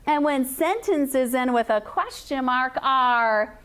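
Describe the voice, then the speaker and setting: A woman teacher leading a classroom phonics lesson, prompting answers call-and-response style and reading sentences slowly and smoothly as a model. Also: high-pitched, lively intonation.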